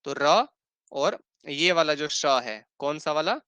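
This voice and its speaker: A man teaching an online class, explaining patiently and repeating each rule slowly, often checking in with "okay?". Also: fairly high pitch, sharp tone, clear, resonant tone, no room sound. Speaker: Sanskrit teacher.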